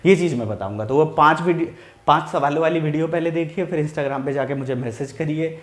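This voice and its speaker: A man with a slightly raised pitch teaching a Hindi grammar lesson straight to the viewer. He repeats each example slowly, several times over. He asks his own questions and answers them himself. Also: reverberant. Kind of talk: explaining lesson to camera.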